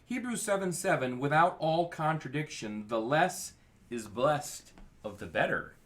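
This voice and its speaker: Male study participant, animated delivery, chatty and engaged. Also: a little high, a little slow. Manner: chatty, interjects and adds comments. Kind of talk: casual discussion.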